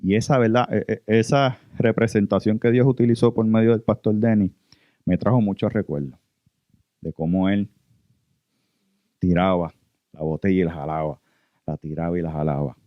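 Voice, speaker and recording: A man's voice: fairly low pitch, steady tone, normal speed, long pauses, no echo, dull audio. A man with a Puerto Rican accent preaching an earnest sermon testimony, often addressing listeners as brothers. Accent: Puerto Rican Spanish. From Puerto Rico.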